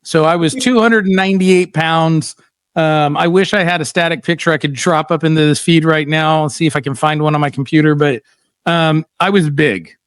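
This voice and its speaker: A man's voice: fairly high pitch, moderate pace, clear, resonant tone, no echo, clean studio sound. Blunt, chatty man hosting a livestream. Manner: blunt, animated storytelling with frequent fillers. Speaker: podcast host. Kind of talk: casual livestream chat.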